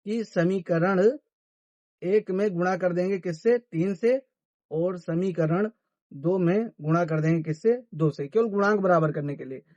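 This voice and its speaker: Male math teacher, answers his own questions, pitched high. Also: a little mellow, no room sound, muffled recording. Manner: asks questions and answers them himself. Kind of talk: classroom-style math lesson.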